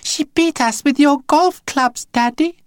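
A man's voice: very high voice, unhurried, no room sound, studio quality, pitched above the performer's own voice. A man voicing spoilt, lying children in a storybook, whiny and wheedling. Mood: whining.

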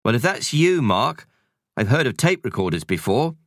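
A man's voice: mid-range voice, very animated, no room sound, studio quality, pitched above the performer's own voice. A man doing a fussing middle-aged charwoman. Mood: wary. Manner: brisk, fussing, easily affronted. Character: rosy, bustling middle-aged cleaning woman, good-humoured.

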